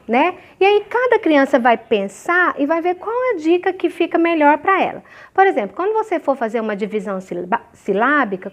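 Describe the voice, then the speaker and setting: High-voiced teacher speaking to kids. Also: female voice. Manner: slow, clearly syllabified examples with frequent checking questions. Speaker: primary school teacher. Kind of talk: remote lesson for young children.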